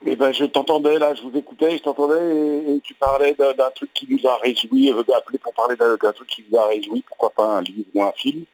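A man calling in to a radio show over a phone line, talking casually and haltingly, often repeating words as he looks for the phrase. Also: medium pitch, lively intonation, no room sound. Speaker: caller and occasional host on the station. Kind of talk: casual radio call-in chat.

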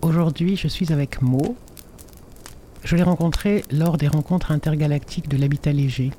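A man introducing his guest on a radio program, speaking in a calm, measured way. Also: a little high, slight background noise. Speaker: radio host. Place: inside a tipi by a fire in the rain.

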